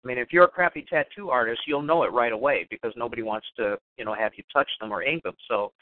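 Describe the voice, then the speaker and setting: A man's voice: medium pitch, fast, dry recording. A man from Chicago's South Side hosting a radio interview, with a learned general American newscaster accent and a chatty, rambling manner full of restarts. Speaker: radio host. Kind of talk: casual interview. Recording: dry phone-line audio.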